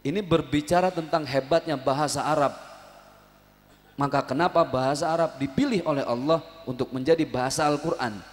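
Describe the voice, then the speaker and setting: A man from Jakarta preaching a lively sermon, quizzing the congregation and joking with them in call-and-response. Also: a little high, a little fast, in a large hall. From Betawi, Jakarta. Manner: animated, humorous, quizzes the congregation. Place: prayer hall at an evening gathering.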